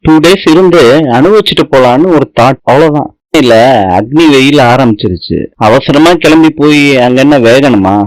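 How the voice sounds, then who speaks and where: A man's voice: mid-range voice, lively intonation, moderate pace, dry recording, close to an everyday voice, rough recording. A man reading the lines of an easygoing young man on a holiday, in his own plain voice. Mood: relaxed.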